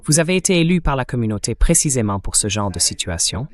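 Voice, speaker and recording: Male interviewer, steady and questioning, voice-over dub, mid pitch. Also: quick pace.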